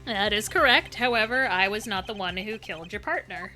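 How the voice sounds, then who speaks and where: A woman voicing a calm, formal male prosecutor in a game playthrough, pitching her voice lower and keeping it measured. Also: soft background music, close to an everyday voice. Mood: composed.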